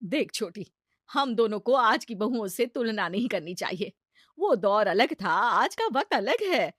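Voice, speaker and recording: A woman playing a kind, patient middle-aged mother-in-law in a cartoon story, speaking gently and motherly. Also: medium pitch, big pitch swings, measured pace, no echo, studio quality. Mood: calm.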